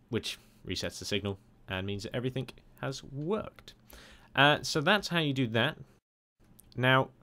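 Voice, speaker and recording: Over a screen recording, a man with a fairly low, slightly bright voice casually narrates a game tutorial. He's chatty and rambling, dropping lots of filler "uh"s.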